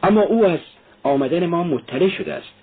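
A husky-voiced man reading a novel aloud, voicing a frightened, pleading elderly mother in a raised voice. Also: lively intonation. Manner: high, pleading and fearful. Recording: tinny phone-like sound.

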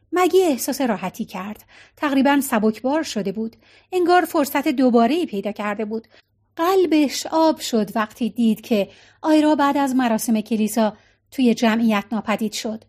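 A woman with a high-pitched voice reads a story aloud as an audiobook narrator. Her storytelling is expressive, and she gives light shading to each character's lines.

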